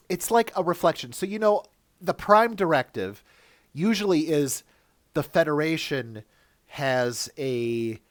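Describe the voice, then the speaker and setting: Man, casual co-host, animated storyteller, fairly high voice, dry close sound. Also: no echo. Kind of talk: casual chat.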